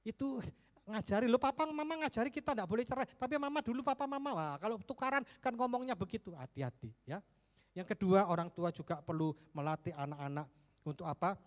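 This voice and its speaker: A man preaching a sermon as pastor, jumping between emphatic bursts and hushed low asides, with jokes along the way. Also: animated, fast. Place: church sanctuary. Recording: echoey church hall.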